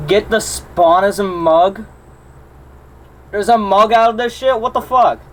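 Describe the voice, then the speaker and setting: A man's voice: sits high, unhurried. A young man in casual voice-chat banter, talking in a brash, slangy, sweary way. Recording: faint background noise on mic.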